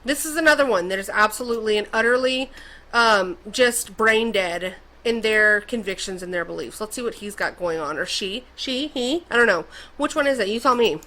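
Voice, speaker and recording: A woman's voice: medium pitch, expressive, moderate pace, sharp tone, rough recording. A woman hosting a commentary show, giving a sarcastic, mocking rant and tagging her sentences with "okay?". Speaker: commentary channel host.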